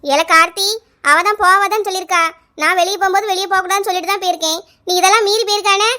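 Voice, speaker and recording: A woman's voice: very high-pitched, fairly even intonation, bright, forceful tone. A woman voicing a strict, scolding mother in a cartoon, speaking with a Kanyakumari Tamil accent. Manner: scolding, rapid. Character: scolding village mother Chinnaponnu, anxious and strict. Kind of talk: cartoon voice acting.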